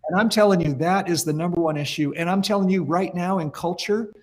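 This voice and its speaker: A middle-aged male pastor tells his story on a podcast. He speaks in an earnest, emphatic, conversational way, and his voice sits a little higher than most men's. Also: brisk.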